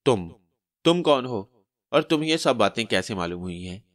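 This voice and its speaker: A man voicing a skinny, panicky male trickster who shouts in flustered bursts. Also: fairly low pitch, big pitch swings, moderate pace, no room sound, studio quality.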